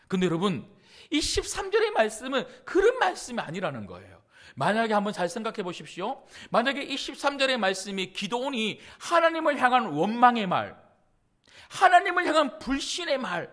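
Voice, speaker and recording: A man's voice: extremely high pitch, a bit bright. A man pastor preaching a sermon emphatically, stacking repeated phrases and rising to outbursts. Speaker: senior pastor.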